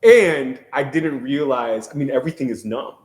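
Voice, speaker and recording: A man chatting casually as a guest, recounting an experience in an animated way and repeating phrases for emphasis. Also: mid-range voice, moderate pace. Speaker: podcast guest.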